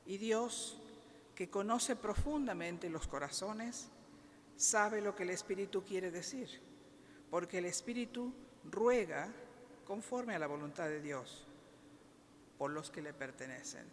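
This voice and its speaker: Male Mass reader, high register, formal and solemn phrasing, long reverb. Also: slow. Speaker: lector. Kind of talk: solemn scripture reading at Mass. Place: large church during Mass. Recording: reverberant church, faint background noise.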